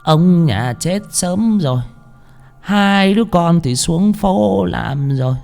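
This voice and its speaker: A male storyteller puts on a wrinkled, hunched old woman who quavers in a raised, hushed voice. She stumbles through her words with drawn-out filler sounds. Soft music plays underneath. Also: sits high, expressive, pitched above the performer's own voice, full character voice. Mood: slow, guarded. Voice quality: quavering and breathy.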